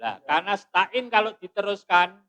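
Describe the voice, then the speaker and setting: A man teaching Quran recitation rules in a mosque. He slowly intones the verses, then explains them briskly. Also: high voice, sing-song, bright, forceful tone, dry recording. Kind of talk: teaching tajwid.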